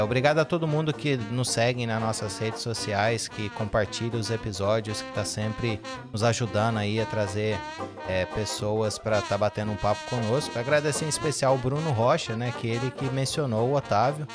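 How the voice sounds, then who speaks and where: Relaxed podcast host signing off over music. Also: male voice, fairly low pitch. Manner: relaxed, rambling thanks with fillers. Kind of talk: casual sign-off.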